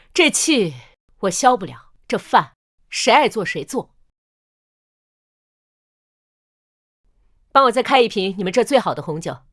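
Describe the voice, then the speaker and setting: A woman's voice: mid-range voice, sing-song, measured pace, a bit bright. An actress playing a fed-up older mother-in-law standing up for herself, pointed and sardonic, in a melodramatic short drama. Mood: cold resolve.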